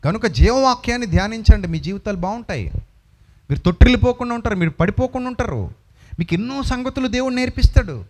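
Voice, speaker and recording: Male pastor with a Telugu accent, high animated voice, preaching emphatically to a congregation. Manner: emphatic, rhetorical questions to the congregation. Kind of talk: sermon. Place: church hall before a congregation.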